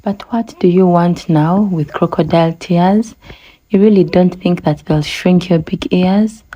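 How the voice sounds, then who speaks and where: A woman voicing a crafty, creepy old male crocodile in a storybook read-aloud, sly and breathy. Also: on the low side, measured pace, warm tone, lo-fi sound.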